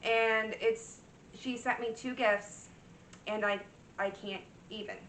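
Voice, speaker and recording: Speaking slowly in a steady, slightly high and somewhat bright voice, a woman in her thirties shows off her cross-stitch work in a rambling vlog chat full of fillers and restarts. Her voice sounds a little worn. The distant mic picks up room echo and a little hiss or hum.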